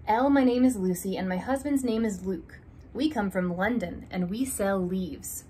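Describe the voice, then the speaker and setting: In a small room by a curtained window, a young woman reads a children's alphabet picture book slowly and deliberately, leaning on the first letter of each entry. Her voice is medium in pitch, dark-toned and husky.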